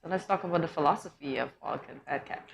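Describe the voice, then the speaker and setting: A woman's voice: low voice, fast, vocal fry, low-quality recording. A woman hosting a talk show in a casual conversational interviewing style. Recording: faint background noise.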